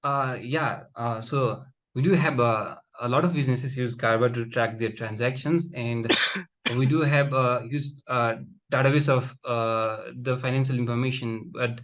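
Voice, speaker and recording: A young man, a startup founder, giving an earnest, matter-of-fact pitch and answering questions over a video call. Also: steady tone, unhurried, a bit bright. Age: young adult.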